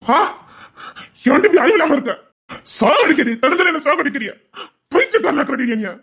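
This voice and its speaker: An actor with a Tirunelveli Tamil accent playing a desperate young man who pleads with his lover, swinging from hushed pleas to shouting. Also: very high voice, lively intonation, quick pace, heavily acted. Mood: anguished shouting. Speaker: actor in a romance drama. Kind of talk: emotional drama acting.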